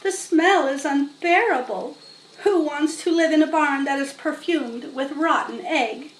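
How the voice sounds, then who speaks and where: A woman's voice: high-pitched, a little slow, voice pushed up. A woman voicing an indignant young lamb who complains in a storybook reading. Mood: indignant complaint. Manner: whining, indignant. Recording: roomy, distant mic, faint noise.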